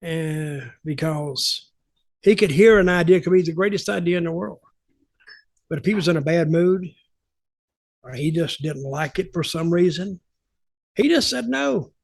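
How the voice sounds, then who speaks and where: An older man, a podcast host and veteran wrestling booker, tells stories casually in a slightly high, expressive voice with vocal fry. He talks a little slowly and pauses often, blunt and opinionated, repeating points for emphasis.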